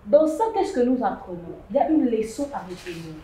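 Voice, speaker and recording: Lady chatting on a show panel, lively and laughing, roomy echo. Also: a little high, fairly quick. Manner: lively, laughing, rising to emphatic bursts. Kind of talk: casual chat show commentary. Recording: echoey room with faint noise.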